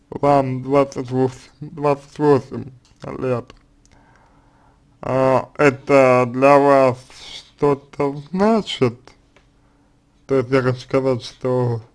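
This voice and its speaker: Slow, halting man. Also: mid-range voice, darkish tone. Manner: halting and deliberate, many fillers and restarts. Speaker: psychologist answering a reader's letter. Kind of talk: slow consulting monologue.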